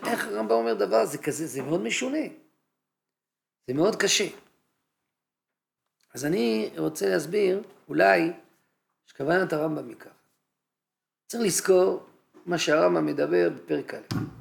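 Male yeshiva teacher, higher gravelly voice, anecdotal humorous lecturer. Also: a little hiss or hum. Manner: anecdotal, acts out scenes. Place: yeshiva study hall.

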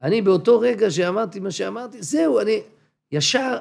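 A man's voice: sits high, expressive, creaky, a little mellow, husky, faint music behind. A man giving an informal religious class to a group, acting out dialogues and repeating phrases for emphasis. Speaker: religious teacher.

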